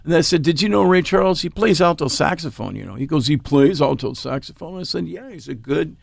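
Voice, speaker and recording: Gravelly man telling a lively story. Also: fairly high pitch, fast. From Oregon, United States. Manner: animated anecdote-teller who acts out quoted dialogue. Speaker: interview guest, blues musician. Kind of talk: casual storytelling.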